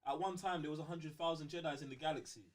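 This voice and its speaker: A London-accented man co-hosts a fan talk show, debating casually in a slangy, emphatic way and repeating phrases for effect. His voice is fairly high-pitched, fast, and fairly even in intonation.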